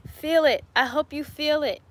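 Her voice is high-pitched and moves at a normal speed. She's a woman in her late twenties doing an upbeat, laugh-filled livestream, answering chat as a YouTuber from her home garden with a phone or webcam held at arm's length.

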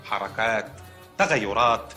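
An actor playing a matter-of-fact hospital doctor in a comedy film, with an Egyptian Arabic accent. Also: male voice, lowish voice, measured pace, pushed and bright, soft background music. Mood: deadpan. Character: deadpan hospital doctor delivering odd news.

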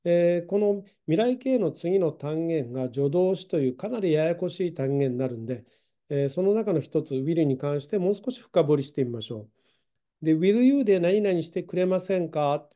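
A man's voice: a little high, expressive, normal speed, mellow. A middle-aged man teaching English grammar online, explaining patiently with many fillers.

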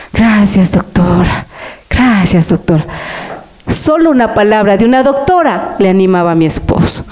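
Emotional woman preacher with a higher voice. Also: darkish tone. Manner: emotional, pitch jumps up and down for emphasis; addresses listeners as brothers.

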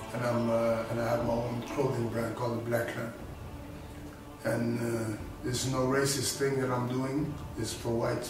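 Rambling man in a very echoey room. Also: mid-range voice. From Senegal. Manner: rambling, repeats and restarts phrases. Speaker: boxer and rapper introducing himself. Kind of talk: casual self-introduction to camera. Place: indoors, in front of a studio backdrop. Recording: very echoey room from a distance, music behind.

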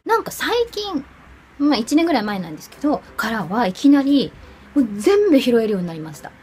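Lively chatty woman teaching English. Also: fairly high pitch, a little fast, a little hiss or hum. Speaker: English study channel host. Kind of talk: casual spoken lesson to camera.

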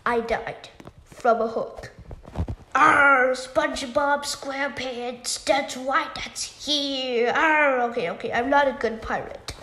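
Young girl, about nine, gaming commentary; excitable, high pitch, slow delivery. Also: echoey room, a little hiss or hum. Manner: bubbly, exclaims and gasps often. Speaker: gaming YouTuber.

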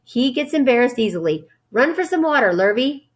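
A woman voicing an excitable, blustering male farmer from a storybook, emphatic and hollering. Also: lowish voice, very slow. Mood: urgent.

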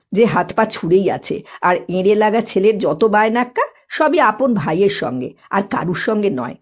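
A woman narrating a literary story in a lyrical, measured reading. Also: mid-range voice, darkish tone.

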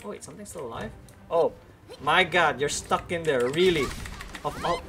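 Over background music, an Indonesian streamer with an American-accented English talks with viewers during gameplay, expressive and mid-range at a moderate pace. This young adult keeps it casual, laughs frequently, and often self-corrects.

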